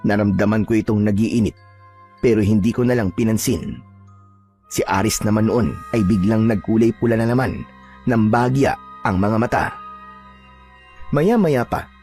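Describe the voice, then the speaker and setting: A man's voice: lowish voice, measured pace, pauses often, mellow, faint music behind. A man narrating a first-person horror story and speaking his own lines bluntly and warily, in a tough, streetwise way. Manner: blunt, tough-talking, wary, with short laughs.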